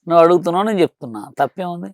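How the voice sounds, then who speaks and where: A man's voice: high voice, lively intonation, racing. A man, a guest in a casual interview who talks bluntly and brushes off his critics. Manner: blunt, dismissive of critics, colloquial.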